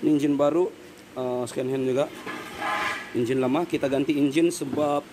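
Speaking at a moderate pace in a steady mid-range voice, a man in his thirties with a Malaysian accent plainly explains a car air-conditioning repair one step at a time, using fillers. The casual vlog is recorded on a handheld phone camera with a noisy workshop behind him.

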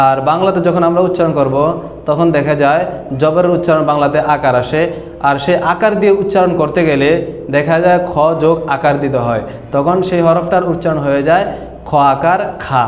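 A man teaching Quran reading letter by letter, explaining patiently and slowly drawing out each sound. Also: fairly high pitch, slight background noise. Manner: slow, repetitive explanation, drawn-out letter sounds. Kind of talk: online recitation lesson. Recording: echoey room with long reverb.

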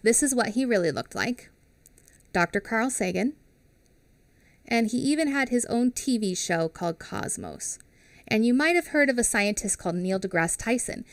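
A woman in her thirties with a slightly high voice and no echo, a teacher reading a picture book to young children over a headset mic. She's animated and expressive, pausing to explain things slowly in simple words. She records in a small home studio with a classroom wall behind her.

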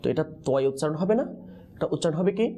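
A man teaching the pronunciation of Quranic letters in a lesson, pausing on questions so his students answer in chorus. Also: on the high side, animated, warm tone. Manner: call-and-response teaching, prompting answers with questions.

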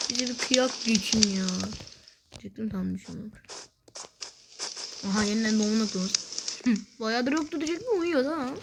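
A woman's voice: fairly high pitch, noisy background. A woman giving casual, playful gameplay commentary to her viewers, dramatically complaining and laughing at the game. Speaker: gaming video creator. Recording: loud game music behind voice.

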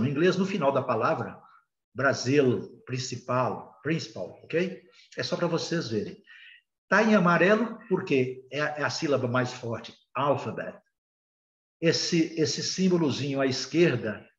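Brazilian man, Brazilian Portuguese accent, recorded lesson, echoey room, dull sound. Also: fairly high pitch. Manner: patient, hesitant explaining with many filler sounds. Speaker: English teacher. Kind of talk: recorded beginner language lesson.

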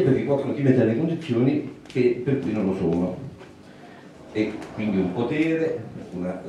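A man in his sixties giving a public talk in a small meeting room, speaking thoughtfully with many pauses, fillers and restarts. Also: on the low side, warm tone, slight background noise. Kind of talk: public lecture. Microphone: handheld mic, recorded by a far camera. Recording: roomy echo from a distant camera.

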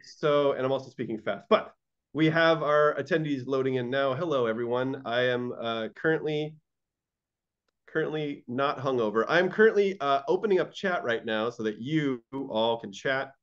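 A man's voice: mid-range voice, normal speed, highs cut off. A man hosting a live online class, joking and self-deprecating as he rambles through the welcome. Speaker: livestream host. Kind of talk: casual live-stream hosting.

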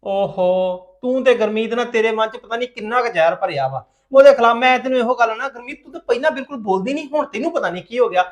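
A man playing a weary, placating husband, fast talker. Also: extremely high pitch, expressive. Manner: placating, exasperated. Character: weary husband caught between wife and mother. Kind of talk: domestic web drama acting.

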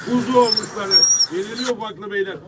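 Heavy background noise from a loud crowd of buyers surrounds this male fish auctioneer, recorded from afar at a busy market auction. In a high-pitched, steady voice and at a fairly quick pace, he repeats price calls to the bidders while selling off lots live.

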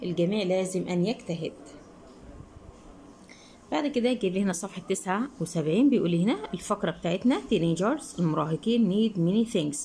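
A woman with an Egyptian Arabic accent explains an English textbook lesson. She asks questions and answers them herself, and she reads the English words slowly before explaining them quickly. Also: mid-range voice, creaky, darkish tone, slight background noise, low-quality recording. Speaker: English teacher.

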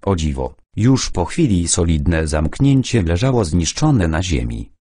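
A man narrating a first-person audiobook in a measured, deliberate storytelling manner, recorded on a close studio mic. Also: sits low, sing-song, mellow, no echo.

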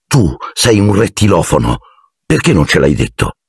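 A man's voice: deep voice, very animated, moderate pace, breathy edge, no room sound, studio quality, exaggerated voice. A man voicing an anxious twelve-year-old boy, the hero's friend, urgent and alarmed, for an audiobook.

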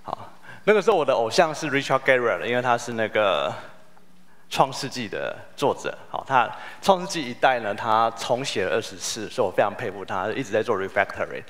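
A man's voice: mid-range voice, sing-song, brisk, a bit bright. A man, giving a humorous, story-driven conference keynote. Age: 40s. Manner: humorous, storytelling, self-deprecating. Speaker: keynote speaker. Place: conference hall.

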